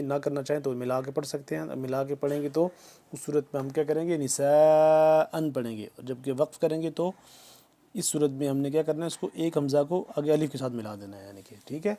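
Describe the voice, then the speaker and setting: A man teaching Quran recitation, drawing each verse out slowly, then explaining pronunciation rules in quick plain speech. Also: a little high, warm tone. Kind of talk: tajweed lesson, slow word-by-word recitation.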